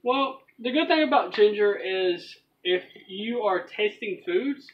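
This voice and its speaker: A man's voice: high-pitched, animated, a little slow, lo-fi sound. A young man giving casual, instructive explanations as he cooks at home. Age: young adult. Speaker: home cook demonstrating a recipe. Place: small home kitchen, indoors. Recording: noisy handheld kitchen camera recording.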